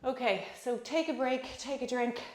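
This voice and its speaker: A woman's voice: sits high, normal speed, darkish tone. A middle-aged woman working as an aerobics instructor, coaching a home workout with encouraging short cues and countdowns while exercising herself. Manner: exerting while demonstrating exercises. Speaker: fitness instructor. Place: small indoor home gym. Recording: echoey small room, distant camera.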